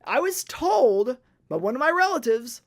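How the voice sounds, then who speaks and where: A woman's voice: sits high, sing-song, a little slow. A woman vents in a casual vlog monologue, exasperated and sarcastic. She grows more fired up as she goes. She sounds a little tipsy from drinking. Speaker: vlogger.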